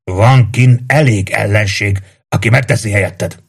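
A man voicing a gentle, fatherly old warrior in an audiobook, calm and soothing. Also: fairly low pitch, creaky, husky.

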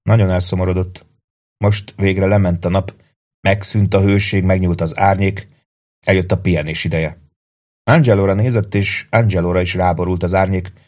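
A man reads a novel aloud in a low, steady voice. His delivery is measured and even, a plain storytelling read. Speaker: audiobook narrator. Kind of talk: scripted narration.

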